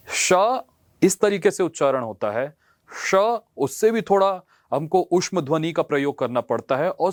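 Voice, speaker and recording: A male Sanskrit teacher, giving a school lesson and slowly drilling letter sounds for students to repeat. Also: fairly high pitch, no echo, clean studio sound.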